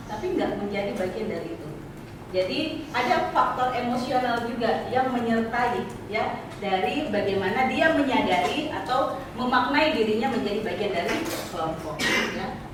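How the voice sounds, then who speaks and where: Woman lecturing in an echoey room. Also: on the high side. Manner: explanatory, asks students questions, many "ya" tags. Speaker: psychology lecturer. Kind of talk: classroom lecture. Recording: echoey room, mic far off, noisy.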